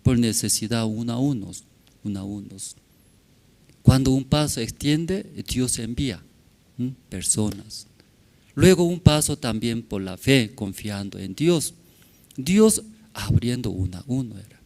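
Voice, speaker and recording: Pastor speaking broken Spanish. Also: male voice, medium pitch, lively intonation, unhurried, a little mellow. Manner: broken non-native Spanish, tag questions, chuckles. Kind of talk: informal sermon with storytelling. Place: church.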